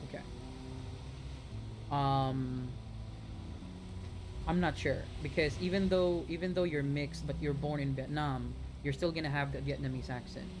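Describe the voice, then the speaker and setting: Gaming streamer from the Philippines, mid-pitched, loose rambling chat with viewers, lots of restarts. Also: fairly even intonation, unhurried, pauses often, background noise. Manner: chatty, rambling with many restarts, talks straight to viewers. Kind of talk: casual live-stream chat answering viewers.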